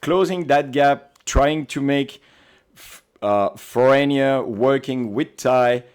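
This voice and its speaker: A Belgian man with a Belgian accent guests on a podcast, chatting casually and telling stories animatedly in non-native English. His voice is mid-range and clean in tone, and he speaks slowly.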